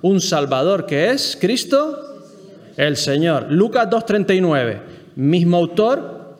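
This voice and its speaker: Higher-voiced Spanish man teaching in a hall. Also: big pitch swings, slow pace. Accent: Spain Spanish. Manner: explanatory, keeps checking in with the listeners and asking them questions. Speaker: Bible teacher. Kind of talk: Bible class lecture to a group.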